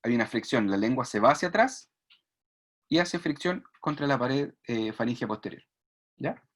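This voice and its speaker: A man's voice: mid-range voice, expressive, normal speed, fairly bright tone. A man giving an online speech therapy lecture, explaining patiently, demonstrating sounds and checking "¿ya?" often. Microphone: video call.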